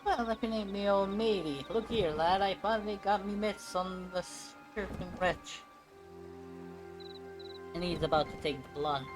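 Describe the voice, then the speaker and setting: A man putting on a gruff, boastful from a fantasy game, heavy on slang. Raised and loud, the voice pushes out hearty and salty. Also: high-pitched, measured pace, music in the background, pitched above the performer's own voice, low-quality recording. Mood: gloating.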